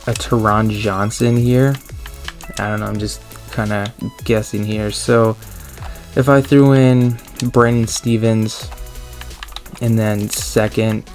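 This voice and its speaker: Gravelly man rushing through game commentary. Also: lowish voice. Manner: rushed, thinking aloud with many fillers. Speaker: gaming YouTuber. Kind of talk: casual gameplay commentary.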